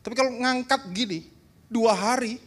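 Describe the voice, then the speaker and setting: In a church hall, an Indonesian pastor preaches a seminar sermon full of humor, teasing his congregation and speaking in an animated way. His voice is very high-pitched and his pace moderate.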